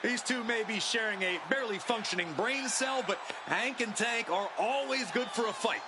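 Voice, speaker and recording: A wisecracking wrestling commentator. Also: male voice, extremely high pitch, normal speed, noisy background. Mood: wry. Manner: wisecracking, dry jabs. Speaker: color commentator.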